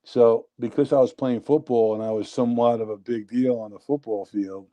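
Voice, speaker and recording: A man in his sixties with a New York accent is a guest in a casual talk, telling rambling, animated stories in a mid-range voice at normal speed. The recording has its highs cut off.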